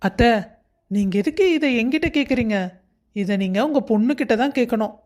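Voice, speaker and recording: Cartoon husband, gentle teasing, reassuring, voice a bit high, woman voiced. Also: expressive, brisk, close to an everyday voice. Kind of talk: Tamil cartoon voice acting.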